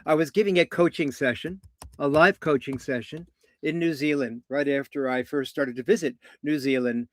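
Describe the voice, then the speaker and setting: An older man, a coach and therapist, talking in a live video conversation, measured and animated as he tells stories. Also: on the high side. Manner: measured, animated storytelling with voiced vocal sounds.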